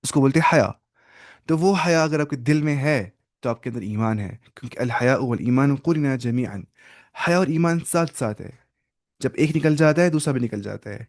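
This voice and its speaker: A man teaching a Quran lesson at a measured pitch. He recites Arabic phrases slowly and carefully, then explains each one in Urdu with English terms mixed in. His delivery is emphatic, swelling and dropping in loudness as he drives a point home. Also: animated.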